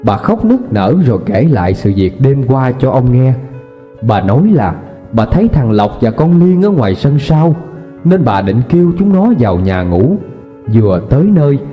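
A man narrating a ghost story in a dramatic, suspenseful way. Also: medium pitch. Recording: dull lo-fi with faint music.

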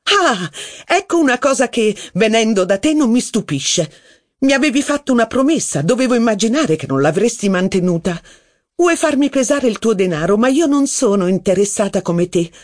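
Man putting on a shrill, scornful young actress. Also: lively intonation, moderate pace. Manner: shrill, sarcastic, theatrical. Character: capricious young actress, mocking and haughty. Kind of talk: audiobook character voice.

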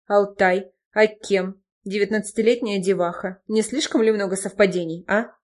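A woman voicing a hot-tempered, agitated man who shouts and pleads. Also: mid-range voice, fairly even intonation, normal speed, close to an everyday voice.

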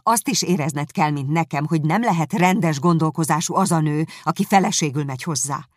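Spirited sharp-tongued young woman, emphatic and loud, voiced by a woman reading, dry sound. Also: on the low side, animated, vocal fry, dry recording, voice pushed up. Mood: indignant. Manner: indignant, emphatic.

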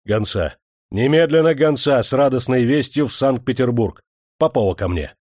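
A brooding, irritable aging commander, as a male narrator puts him on speaks low and gloomily, then snaps into sharp, commanding shouts. His voice sits low and dark, recorded close and dry. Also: big pitch swings, normal speed, no room sound. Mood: excited.

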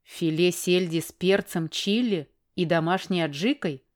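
A woman's voice: lowish voice, a little slow, lightly acted. A woman reading the lines of a burly, hot-tempered grown man who barks short, curt outbursts in an audiobook. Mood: gloomy.

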